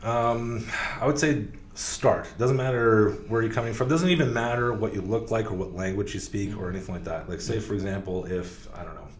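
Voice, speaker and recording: Speaking briskly in a fairly low voice, a man who works in car sales chats on a podcast, his answers loose and full of fillers and false starts. The room is echoey, with faint noise in the background.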